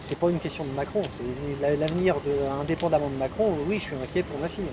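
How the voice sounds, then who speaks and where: A middle-aged man from France, a passerby answering street interview questions in a measured, hesitant way with many restarts. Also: a little high. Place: city street outdoors. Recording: loud outdoor street noise.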